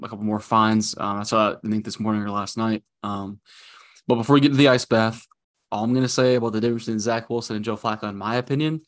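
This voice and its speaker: A man co-hosting a casual sports podcast, talking in an emphatic, hyped, joking way. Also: fairly low pitch. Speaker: podcast co-host.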